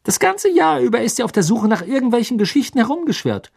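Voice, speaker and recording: A man's voice: very high-pitched, big pitch swings, gravelly, a little mellow, breathy edge, pitched above the performer's own voice, full character voice. A man voicing a clever, eager teenage girl witch, telling secrets with triumph. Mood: excited, triumphant. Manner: eager, triumphant, quick-talking.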